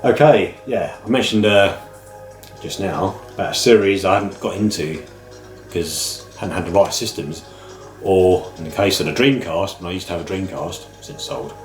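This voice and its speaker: Middle-aged British male vlogger, lowish and a bit nasal with man flu, informal rambling chat, very roomy sound. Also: expressive, normal speed. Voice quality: slightly nasal, bunged up with a cold. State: man flu, a head cold. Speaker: host of a video game pick-ups channel. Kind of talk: casual chat to camera. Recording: roomy echo, music underneath. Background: music.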